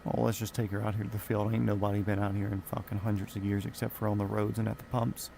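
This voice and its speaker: A man with a lowish, gravelly voice rambles through a casual live stream, dropping profanity in an offhand way. He sounds like he's at a desk mic in a home gaming room, with a faint noise floor underneath. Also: flat delivery, quick pace, mellow. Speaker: flight sim streamer.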